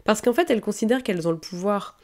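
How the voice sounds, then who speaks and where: A woman's voice: mid-range voice, animated, fast, a little mellow. A woman who works as a lingerie seamstress, casually telling stories from sewing workshops and talking straight to her listeners. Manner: addresses listeners directly and conversationally. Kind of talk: casual storytelling monologue.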